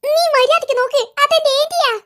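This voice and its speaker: A voice actor playing excitable young schoolboys who bicker back and forth in a cartoon. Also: very high-pitched, quick pace. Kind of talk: cartoon voice acting. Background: faint background music.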